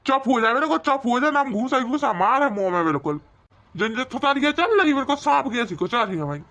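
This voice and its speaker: A stubborn, bickering old village father-in-law, voiced by a woman in a cartoon comedy. His voice is pitched high and bright for an old man, and he teases his wife. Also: very animated, a little fast, heavily acted. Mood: complaining. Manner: mocking and bickering, later pleading.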